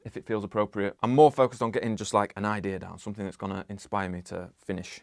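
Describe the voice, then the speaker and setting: This young music producer has a lowish, gravelly voice and talks fast, with no room sound on the recording. He's relaxed and rambling, describing his home-studio process in a casual vlog and leaning heavily on "like."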